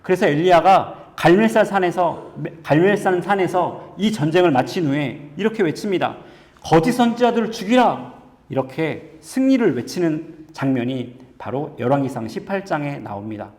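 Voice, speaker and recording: A man's voice: on the high side, animated, moderate pace, few pauses, darkish tone, long reverb tail. A male pastor giving a sermon in an earnest, storytelling manner, moving from personal anecdote to scripture. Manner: earnest storytelling, conversational preaching.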